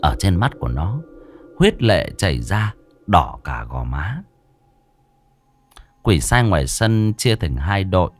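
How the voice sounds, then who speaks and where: Deep-voiced man telling a ghost story. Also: slow pace, long pauses. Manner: expressive, dramatic reading.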